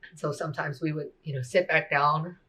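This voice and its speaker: A woman sharing a personal faith testimony in a soft-spoken, reflective way, often saying "you know" and "like.". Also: low-pitched, fairly even intonation, a little fast, poor audio.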